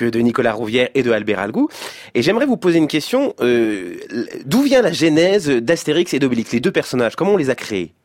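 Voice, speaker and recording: A male radio host with a mid-pitched voice, recorded dry and close. He presents conversationally, with informal hesitations. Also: dry recording.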